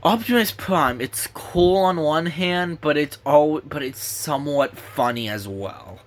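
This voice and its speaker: A man's voice: fairly high pitch, animated, a little slow. A young man with a sore throat gives a casual, rambling movie review, restarting his sentences and swearing now and then.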